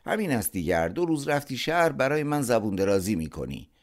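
A man voicing a stern, ashamed father who scolds loudly in an audiobook. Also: medium pitch, very animated, pitched above the performer's own voice, lightly acted. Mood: scolding.

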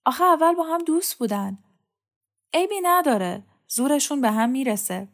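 A woman's voice: high voice, animated, voice pushed up. A woman reading a story aloud, voicing a shy, earnest young girl who sounds worried. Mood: anxious.

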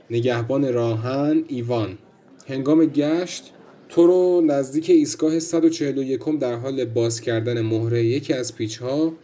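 An actor playing a stern, exasperated district judge who interrogates and scolds the accused in a radio drama. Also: male voice, mid-range voice, dark tone, lightly acted.

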